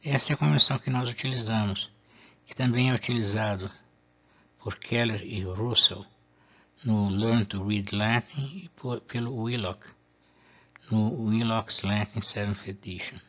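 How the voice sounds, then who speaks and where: A man, explaining a lesson in a measured way and pausing to rephrase himself. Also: fairly low pitch, steady tone, fairly bright tone, lo-fi sound. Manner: measured, with restarts and fillers. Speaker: Latin teacher.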